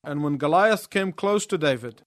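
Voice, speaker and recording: Higher-voiced male preacher, dry close sound. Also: animated, dry recording. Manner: storytelling, pausing in short phrases for the interpreter. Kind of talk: sermon with live interpretation.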